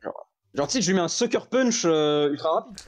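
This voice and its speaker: A man's voice: fairly high pitch, brisk. A man playing a tabletop role-playing game, talking casually and joking about his moves. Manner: excitable, joking. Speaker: player.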